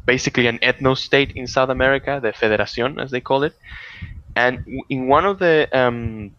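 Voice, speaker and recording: A man co-hosting a casual podcast, telling stories in an animated way with many restarts and sudden excited outbursts. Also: medium pitch, fairly quick, smooth, no room sound. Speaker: podcast co-host. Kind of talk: casual political chat. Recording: dull lo-fi audio.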